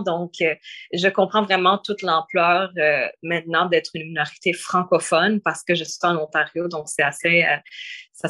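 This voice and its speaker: A woman's voice: fairly low pitch, bright, forceful tone. A young woman in her twenties with a Québécois French accent, answering interview questions thoughtfully with frequent hesitations. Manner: thoughtful, frequent fillers and restarts. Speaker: interview guest.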